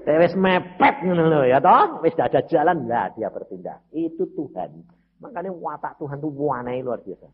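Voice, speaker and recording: Animated older preacher. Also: male voice, moderate pace. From Central Java, Indonesia. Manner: animated, acts out dialogue, shifts between loud high bursts and low quiet lines. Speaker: evangelist preacher. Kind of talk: sermon with personal testimony. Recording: dull lo-fi sermon recording with faint noise.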